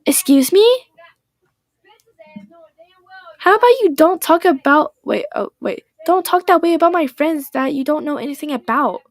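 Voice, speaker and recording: A woman voices a blunt teenage girl from a game, high and bright, who snaps back defensively. The sound is close and dry, with no room around it. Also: animated, normal speed, dry recording. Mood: indignant. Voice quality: sharp, defensive, snappy. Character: blunt, touchy teenage girl, quick to snap. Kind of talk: reading game dialogue aloud.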